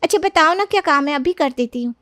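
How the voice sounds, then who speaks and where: A woman's voice: sits high, expressive, quick pace, a bit bright, dry recording. A woman voicing a kind, obliging young woman in a cartoon story, talking sweetly and always ready to help.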